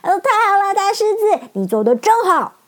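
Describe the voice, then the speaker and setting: A woman's voice: high-pitched, moderate pace, a little mellow, voice pushed up. A woman voicing an earnest young girl heroine who cries out anxiously and breathlessly in a storybook reading.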